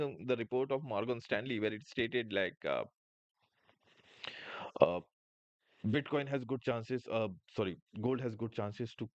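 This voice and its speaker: A man hosts a live trading stream, walking viewers through charts and chat questions in an explanatory way, with plenty of filler sounds. His mid-range voice comes through dull and lo-fi. The sound is dry, with no room echo. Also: medium pitch. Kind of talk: live market commentary answering chat.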